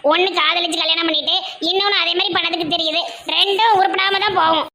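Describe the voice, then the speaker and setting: A woman playing a sharp-tongued village mother. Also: very high-pitched, steady tone. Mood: scolding. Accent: Tirunelveli Tamil. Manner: scolding, fast, mocking. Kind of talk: comic village skit acting.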